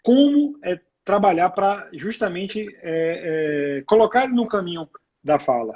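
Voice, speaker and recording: Man, live host; husky, a bit high, reads comments, dull lo-fi call sound. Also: lively intonation, unhurried, a little mellow. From Brazil. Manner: reads viewer comments, hesitant restarts. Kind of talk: casual live interview. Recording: dull lo-fi video call audio.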